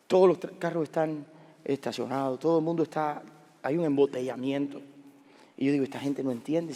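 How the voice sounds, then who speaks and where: A middle-aged man preaching a sermon as a pastor, animated, asking the congregation questions and telling personal stories. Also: on the high side. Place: large church sanctuary. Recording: long hall reverb of a church.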